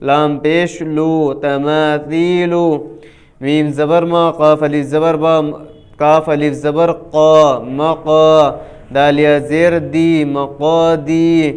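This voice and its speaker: Clear-voiced man drilling letter sounds. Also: a little high, little pitch movement. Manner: drawn-out syllables, explains quickly between drills. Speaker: Quran reading teacher. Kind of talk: slow spelled-out letter drill lesson.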